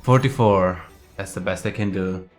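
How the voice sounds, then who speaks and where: A man's voice: low-pitched, moderate pace. A man hosting a game livestream, chatting casually and muttering asides as he plays. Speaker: game streamer, host. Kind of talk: casual livestream chat and gameplay commentary. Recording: faint background music.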